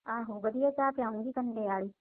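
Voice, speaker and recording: A woman's voice: on the high side, a little fast, no room sound. A woman on a phone call, talking bluntly and scolding the caller. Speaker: call recipient. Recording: tinny phone line.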